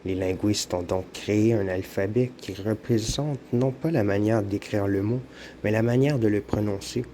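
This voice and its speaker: A man with a Quebec French accent giving a slow, measured scripted narration for an educational lesson. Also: lowish voice, warm tone, slight background noise. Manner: slow, measured explanatory reading.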